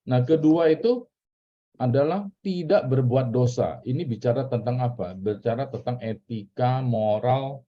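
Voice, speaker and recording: A man's voice: medium pitch, a little slow. A man with an Indonesian accent teaching a church Bible class in a casual, chatty way, asking questions and repeating key words. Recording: dull lo-fi recording.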